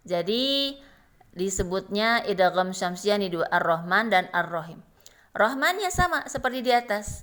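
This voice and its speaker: A woman's voice: medium pitch, a bit bright. A woman giving a recitation lesson, explaining rules patiently and chanting verse examples. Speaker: Quran recitation teacher.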